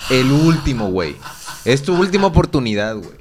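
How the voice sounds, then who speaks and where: A man's voice: mid-range voice, very animated, a little fast, noisy background. A man with a Mexican accent hosting a casual podcast, presenting items to the group in slangy everyday talk. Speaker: podcast host presenting memes.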